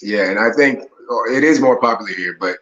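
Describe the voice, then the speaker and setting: A man from Nigeria, a guest on a video call, talking in a relaxed, easygoing way. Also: lowish voice, fairly quick. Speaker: interview guest. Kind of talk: casual video call chat. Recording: muffled video call audio.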